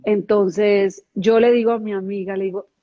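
A woman's voice: mid-range voice, steady tone, normal speed, lo-fi sound, noisy background. A middle-aged woman, a guest, telling her own life story with emotion and lots of repetition. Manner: emotional, earnest, with many repeated words. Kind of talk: personal testimony in a podcast conversation.

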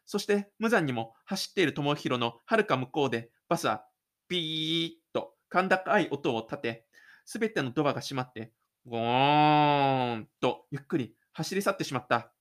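Narrating an audio drama from a script in the third person, a man tells the story dramatically and voices the sound effects himself. His voice sits on the high side, expressive and fairly bright, at a moderate pace.

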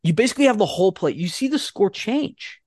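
A man on a sports podcast co-hosts with the exasperated energy of a disappointed fan. His voice swings widely between highs and lows as he argues his points. The sound is close and dry, with no room echo. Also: brisk, husky. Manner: animated, exasperated fan ranting. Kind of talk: casual sports chat.

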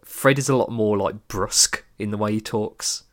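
Laid-back man, low voice, rambling. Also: normal speed. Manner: rambling, laughs often, trails off. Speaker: podcast co-host. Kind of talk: casual chat about cartoons.

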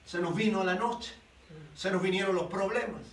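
A man preaching a sermon, telling the story in an animated way and asking rhetorical questions. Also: high voice, normal speed. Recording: echoey room, voice from a distance.

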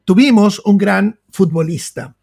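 A high-voiced man from Mexico with a Mexican accent softened by years in Spain. His voice is gravelly and husky, and he chats playfully as a co-host, slipping into other accents. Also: unhurried, dry recording, studio quality. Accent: Mexican Spanish softened by years in Spain. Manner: animated, playful, mimics accents. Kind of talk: casual chat.

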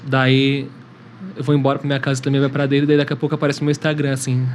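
A man's voice: medium pitch, completely flat delivery, racing, a little hiss or hum. A man chatting casually as a podcast guest, rambling with lots of fillers and restarts. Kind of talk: casual chat.

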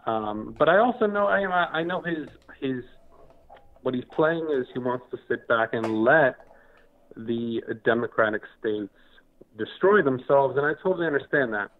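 A man calling in to a talk show over the phone, halting and stammering with many restarts. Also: medium pitch, animated. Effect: heard over the phone. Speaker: caller. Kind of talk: call-in radio talk. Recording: tinny phone line.

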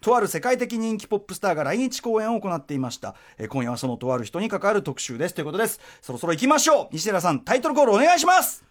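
A man hosting a radio show in a studio, energetic and laughing as he banters. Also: sits high, very fast. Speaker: radio host. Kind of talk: casual radio talk.

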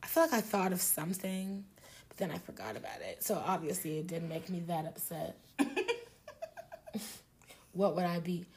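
A woman hosting a casual podcast chat, profane and quick to laugh, who also reads the show's outro. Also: lowish voice, lively intonation, a little mellow, slight background noise. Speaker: podcast host.

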